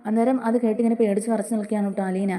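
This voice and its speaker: A woman's voice: medium pitch, little pitch movement, rapid-fire, mellow. A woman, casually retelling a TV serial episode in a chatty, storytelling way. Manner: chatty retelling with frequent tag "kettō".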